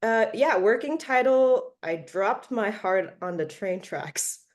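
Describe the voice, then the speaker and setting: With a mid-range, animated voice, a young Malaysian singer-songwriter takes her time answering an interviewer. She's casual and hesitant, restarting and using fillers often, and she laughs frequently.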